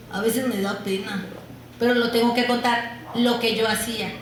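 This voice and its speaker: A woman preaching a sermon. She asks the congregation questions and answers them herself, and she stretches key words slowly for emphasis. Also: fairly high pitch, a bit bright, a little hiss or hum. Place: church. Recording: very echoey church hall.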